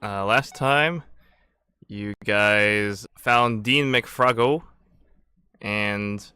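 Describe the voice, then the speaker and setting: A man's voice: on the low side, sharp tone, clear, resonant tone, dry recording. A man running a tabletop game as game master, recapping and narrating in a loose, meandering way.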